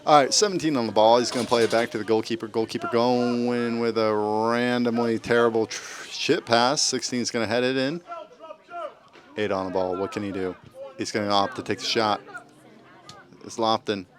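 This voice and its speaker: A man's voice: lowish voice, fairly quick, pauses often, crowd noise. A man giving casual, joking live play-by-play commentary on an amateur soccer match. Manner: joking, informal, tries bits of Spanish.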